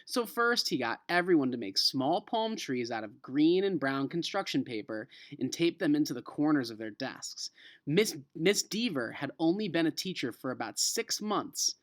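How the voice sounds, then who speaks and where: Reading a children's novel aloud, an elementary school teacher with an American accent explains it to his class expressively and with emphasis. He speaks at normal speed in a fairly high pitch.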